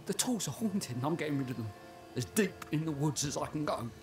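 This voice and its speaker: A man's voice: on the high side, lively intonation, fairly quick, natural voice. Man playing a nervous, unravelling blacksmith over music. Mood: haunted, frantic. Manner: hesitant, rambling, flustered, voice leaps when agitated. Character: nervous male village blacksmith, guilt-ridden and unravelling. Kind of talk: dramatic video game acting.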